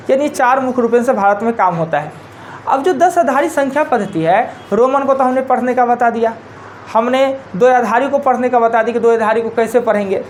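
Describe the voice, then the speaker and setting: A woman's voice: fairly high pitch, slight background noise. Woman teacher with Bihari Hindi accent. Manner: explains step by step, counting digits aloud and repeating key points. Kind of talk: live classroom lecture. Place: classroom.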